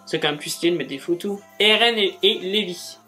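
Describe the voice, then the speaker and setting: A man's voice: high voice, brisk, sharp tone, faint music behind. Gushing man unboxing on a vlog. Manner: gushing, exclamatory, chatty with fillers. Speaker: book and manga YouTuber. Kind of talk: casual unboxing chat.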